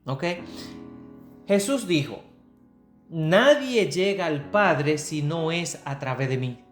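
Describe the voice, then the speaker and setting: A woman's voice: sits low, expressive, slow pace. A woman from the Republic, giving an earnest Bible teaching sermon and answering her own rhetorical questions. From Dominican Republic. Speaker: preacher. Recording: echoey room with soft guitar music. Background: faint guitar music.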